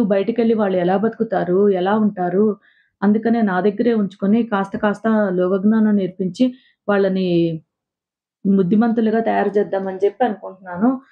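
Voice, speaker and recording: A woman voicing a patient, gentle elderly male teacher who explains things mildly, on a tinny phone-like recording. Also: medium pitch, breathy edge. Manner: pleading then mild and explaining.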